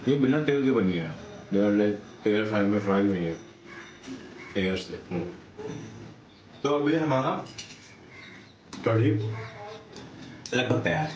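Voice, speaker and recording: A man's voice: on the low side, lively intonation, slow, pauses often, darkish tone, reverberant, dull audio, a little hiss or hum. A man casually chatting as he cooks, mixing in English phrases and humming or singing bits of song. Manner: chatty, mixes Hindi with English phrases, sings snatches while cooking. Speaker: vlogger cooking at home. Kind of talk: casual cooking vlog chat. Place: home kitchen.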